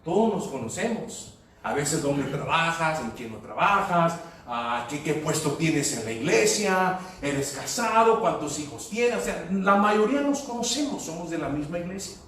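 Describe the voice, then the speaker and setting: Preacher, man, high voice, storytelling sermon, distant mic in a booming church hall. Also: lively intonation, moderate pace, fairly bright tone. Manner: storytelling, switching into English phrases. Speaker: pastor. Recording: echoey hall, voice from far off.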